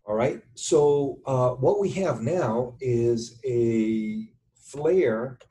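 A middle-aged structural engineering instructor with a relaxed, mellow, medium-pitched voice gives an informal tutorial over screen share. Working indoors at a computer on webcam, he speaks slowly, haltingly and deliberately, thinking aloud while writing, as keyboard typing sounds around his words.

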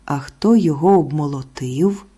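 A woman's voice: low voice, normal speed, warm tone, slightly rough. A woman voicing a hardworking, patient little rooster in a storybook tale, calling out earnestly. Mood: stern.

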